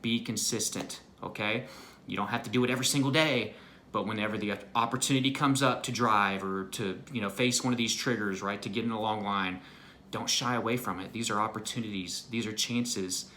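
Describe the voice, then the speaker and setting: A man's voice: on the low side, steady tone, a little fast, bright, forceful tone, slight background noise. A man speaking as an anxiety recovery coach, giving an earnest, motivational self-help talk and often checking in with "right?" and "you know".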